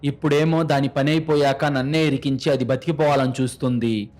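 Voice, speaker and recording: A man's voice: mid-range voice, steady tone, fairly quick, darkish tone, lightly acted. A man voicing a betrayed young adopted son who speaks bitterly and mockingly, in a narrated crime story.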